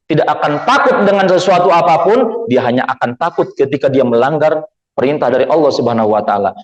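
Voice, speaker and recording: A male preacher giving a sermon, telling stories and repeating phrases for emphasis. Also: a little high. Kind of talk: sermon with storytelling. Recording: echoey hall recording.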